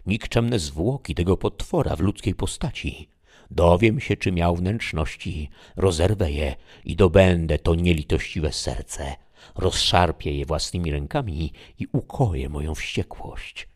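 A man voicing a furious, vengeful woman with a dagger, threatening in loud outbursts, in an audiobook. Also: very deep voice, huge pitch swings, takes it slowly, slightly rough, full character voice.

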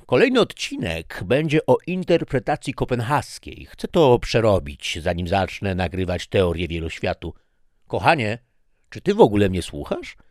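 A man's voice: deep voice, wildly swooping pitch, unhurried, few pauses, fairly bright tone, husky, no room sound, clean studio sound, exaggerated voice. A man voicing a self-satisfied nerdy husband who lectures his wife in a pleased tone. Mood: smug. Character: smug nerdy husband, physics YouTuber.

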